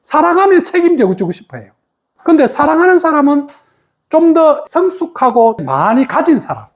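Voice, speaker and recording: Woman meditation teacher, very expressive pitch, acts out quoted lines mid-lecture. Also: moderate pace. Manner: animated, acts out quoted speech of others. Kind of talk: meditation lesson talk.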